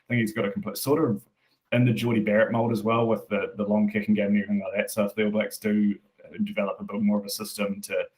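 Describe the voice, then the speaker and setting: A man hosting a casual sports podcast chat, moving briskly through the segments. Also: lowish voice, low-quality recording. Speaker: podcast host.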